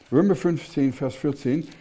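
An older man preaching a sermon, emphatic, asking rhetorical questions and pausing often with hesitations. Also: on the high side, dark tone, husky.

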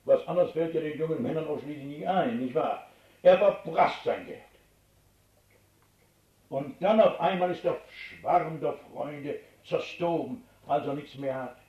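A man's voice: a little high, unhurried. Roomy, distant male preacher. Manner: animated storytelling preacher, addressing the congregation directly. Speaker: pastor. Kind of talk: sermon. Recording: roomy, distant, dull old recording.

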